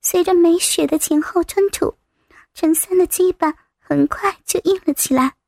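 A woman reading a story aloud as narrator, in a soft, slightly breathy manner. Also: very high voice, normal speed, no room sound, clean studio sound.

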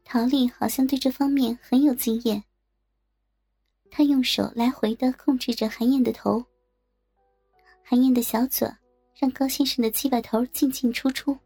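A woman narrating an erotic story in a soft, slow, intimate reading voice. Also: fairly high pitch, fairly even intonation, breathy edge. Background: faint music.

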